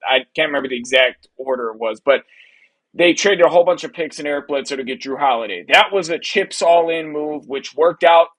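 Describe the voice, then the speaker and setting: An energetic man in his thirties with a slightly high voice, co-hosting a sports podcast. He talks in quick bursts, laughing between points. He is from Wisconsin and keeps a casual, chatty tone. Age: 30s. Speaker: podcast co-host.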